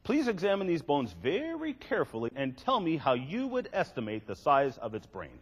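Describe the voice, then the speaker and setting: A man's voice: fairly high pitch, wildly swooping pitch, normal speed, slightly rough. An older man giving a lecture to a live audience, with wry, sarcastic asides. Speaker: creationist seminar speaker. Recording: echoey hall, faint music.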